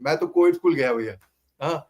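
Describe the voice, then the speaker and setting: A man's voice: a little high, rapid-fire, darkish tone. A man with an Indian English accent interviewing casually, often repeating words and slipping into Hindi.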